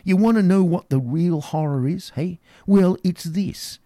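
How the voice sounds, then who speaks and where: A man's voice: sits high, measured pace, warm tone, dry recording, studio quality. A man reading aloud, voicing a terrified, rambling old man who rants in a rustic dialect. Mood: frantic. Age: older. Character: wild-eyed terrified old male drunkard. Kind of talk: dramatic reading.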